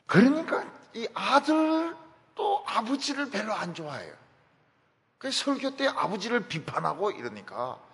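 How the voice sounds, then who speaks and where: A middle-aged male pastor preaching with an emphatic, storytelling delivery, his pitch leaping widely and a gravelly edge to his voice. The sermon rings in a long, reverberant church hall. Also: a bit bright.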